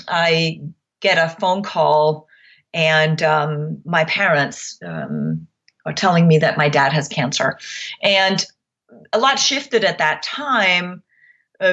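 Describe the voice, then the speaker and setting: Guest, woman from Denmark, lowish voice, reflective and hesitant, slightly dull audio. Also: fairly bright tone. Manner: reflective, hesitant with frequent ums. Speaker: podcast guest. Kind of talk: interview conversation.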